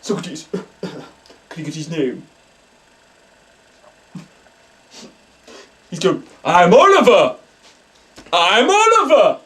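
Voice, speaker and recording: A man playing a hammy spoof psychic medium who speaks in halting, dramatic whispers and gasps in a comic mock documentary. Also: high voice, wildly swooping pitch, a bit bright, far from the mic, exaggerated voice. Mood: excited. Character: hammy male stage psychic, breathy and theatrical.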